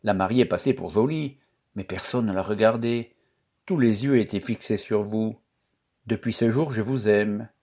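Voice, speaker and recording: A man's voice: lowish voice, normal speed. Man doing a shy, earnest young charcoal burner. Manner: soft, earnest.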